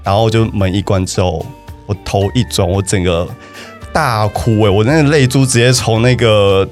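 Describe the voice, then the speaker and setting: A man's voice: lowish voice, normal speed, soft background music. A young man with a Taiwanese Mandarin accent, casually telling a personal story on a podcast, hesitant and often repeating himself. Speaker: guest telling his breakup story.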